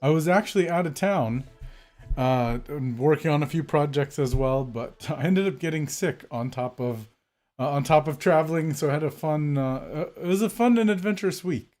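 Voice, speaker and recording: This calligraphy streamer's voice sits fairly high with a darkish tone, moving at a normal speed and sounding slightly congested from a cold. He greets his audience by name and keeps the chat friendly, casual, and meandering, padded with fillers.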